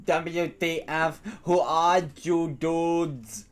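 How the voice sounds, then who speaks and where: A woman voicing a smug, nerdy young man while reading game dialogue aloud, drawling slowly and dismissively. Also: sits low. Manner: slow, drawling, dismissive delivery. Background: game music.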